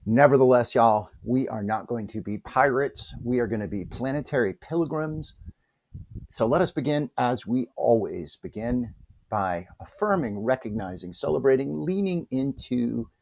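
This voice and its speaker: A man hosting a spiritual reflection vlog, talking in a chatty, animated way with asides. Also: normal speed, creaky. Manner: animated, chatty, with wide pitch swings and asides. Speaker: host of a spiritual reflection channel.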